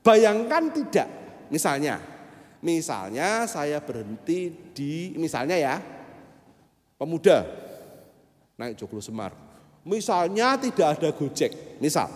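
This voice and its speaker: A middle-aged male pastor, giving a sermon as an animated, jokey story at the pulpit. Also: fairly high pitch, slow pace, long pauses. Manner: animated, acts out voices, jokey. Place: church, at the pulpit. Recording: echoey church hall.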